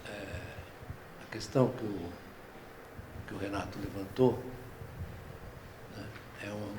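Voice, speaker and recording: Unhurried older paulistano man at a panel. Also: lowish voice, noisy background. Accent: Paulistano Brazilian Portuguese. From São Paulo, Brazil. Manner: unhurried, discursive, frequent "né?" tags and restarts. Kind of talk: round-table talk. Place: museum auditorium.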